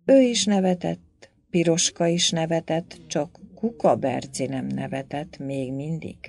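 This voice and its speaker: A woman narrating an audiobook with animated, expressive storytelling. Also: deep voice, gravelly.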